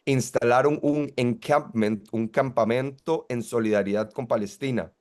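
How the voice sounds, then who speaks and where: A young man from Rica speaks. He answers interview questions as an activist guest. His delivery is measured and articulate, with a mid-pitched voice. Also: darkish tone. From Costa Rica. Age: 20s. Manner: articulate, measured, argues point by point.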